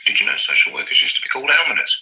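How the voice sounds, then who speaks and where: A man's voice: medium pitch, sing-song, racing, bright, forceful tone, rough recording. A wry doctor father. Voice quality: dry, teasing. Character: older male doctor father, dry and wry. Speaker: father at family dinner. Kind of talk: television drama dialogue.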